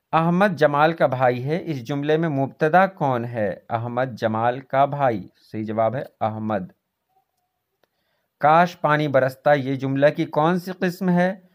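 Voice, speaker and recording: A man going through exam questions as a teacher, reading each question and its options before giving the answer, with speech. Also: mid-range voice. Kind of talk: quiz walkthrough lesson.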